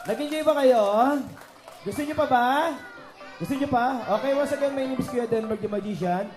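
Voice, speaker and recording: Hosting a children's party as the magician, a man with a very high voice and a darkish tone talks fairly quickly, teasing the guests and getting cheers going. His manner is joking and coaxing, full of crowd banter. The handheld microphone runs through the indoor venue's PA speakers, producing echoey sound with party music in the background.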